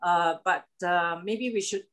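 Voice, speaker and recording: A woman's voice: lowish voice, unhurried, fairly bright tone. A woman, a guest on a video-call interview, speaking hesitantly with many fillers. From Singapore, born in Indonesia.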